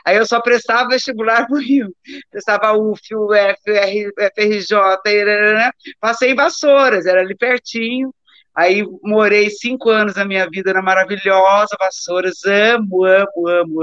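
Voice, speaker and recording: Her voice is medium-pitched, a bit bright, clear and resonant, at normal speed. She is a middle-aged doctor and amateur athlete from Brazil, Rio-born and Taubaté-raised, telling her life story casually as an interview guest, wandering off topic and repeating words to stress them, over echoey, muffled lo-fi live-stream sound.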